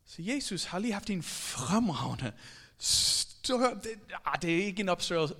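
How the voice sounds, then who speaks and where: A man's voice: sits high, very animated, bright, forceful tone. A man preaching a sermon, telling stories animatedly and addressing the audience directly. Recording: long hall reverb.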